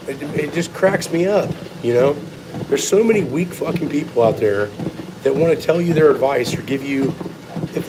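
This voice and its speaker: A medium-pitched man answers questions as a strength coach in a casual live Q&A chat, blunt, opinionated and sometimes profane. Background noise is audible.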